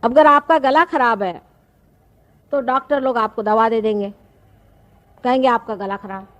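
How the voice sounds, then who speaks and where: A woman, giving a slow, explanatory spiritual discourse with pauses. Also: on the high side, lo-fi sound. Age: 50s. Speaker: spiritual teacher. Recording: archival talk recording.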